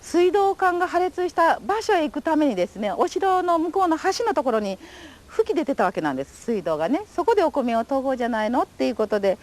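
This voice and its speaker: Speaking quickly in a high, slightly mellow voice with big swings in pitch, an older woman from Japan gives testimony as an atomic bomb survivor. Her recorded interview unfolds as polite, formal, vivid storytelling.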